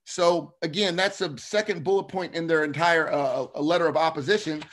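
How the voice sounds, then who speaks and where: Lisping middle-aged man, slightly high voice. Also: fairly even intonation, a little fast, a bit bright. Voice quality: slight lisp, slushy s from new braces. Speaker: state legislator presenting a bill. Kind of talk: committee testimony, semi-formal explanation. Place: indoor video call.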